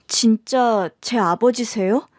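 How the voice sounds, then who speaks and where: Young prosecutor daughter, read by a woman, slow hesitant delivery, dry close sound. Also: on the high side, darkish tone, dry recording. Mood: astonished.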